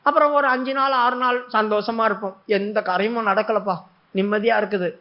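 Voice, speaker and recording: High pitched guy giving a sermon, acts out the prayers, dialect, muffled recording. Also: fairly even intonation, a little fast. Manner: dramatic, acts out prayers and God's replies. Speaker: preacher.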